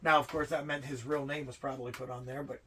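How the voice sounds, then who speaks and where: This wrestling show host delivers a casual rankings rundown full of jokes, rambling, and stammered restarts. He talks fast in a sharp, medium-pitched voice that barely moves in pitch, over clear background room noise.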